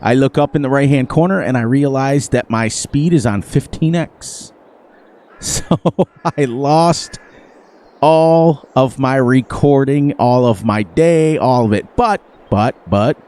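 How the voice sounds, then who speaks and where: A man with a medium-pitched, slightly mellow voice hosts a farming game playthrough for his gaming channel, offering casual commentary. He's chatty and playful, laughs often, and sounds sniffly from a runny nose.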